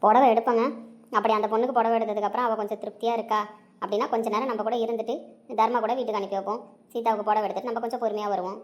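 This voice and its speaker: A woman's voice: on the high side, steady tone, lightly acted. A woman acting a caring aunt who coaxes and reassures the young wife in a family drama. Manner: warm, coaxing, fast-talking. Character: caring mother-in-law aunt.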